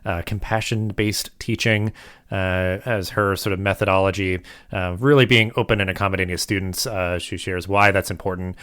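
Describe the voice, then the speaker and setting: A man hosting a podcast interview in a relaxed, casual way, with lots of filler words. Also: deep voice, moderate pace, dry recording, clean studio sound. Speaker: podcast host.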